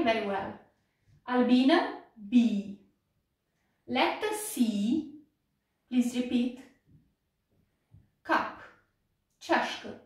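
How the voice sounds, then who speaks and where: Echoey, encouraging Romanian woman teaching letters. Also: a little high. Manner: patient, encouraging, praises each repetition. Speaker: English teacher. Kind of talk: slow teaching with repetition drills. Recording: very echoey room, voice from a distance.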